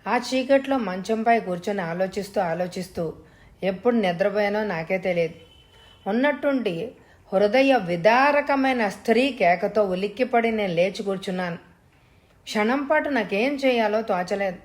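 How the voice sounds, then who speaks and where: A woman narrating a suspense story in the first person with a measured, steady manner. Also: medium pitch.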